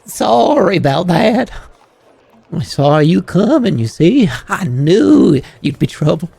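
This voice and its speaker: A man's voice: sits high, big pitch swings, takes it slowly, vocal fry, mellow, slightly rough, no echo, voice pushed up, exaggerated voice. A man voicing a squat, fearful game creature, a reluctant fortune teller who talks hesitantly and evasively. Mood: sheepish, resigned. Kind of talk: voiced game character on a livestream.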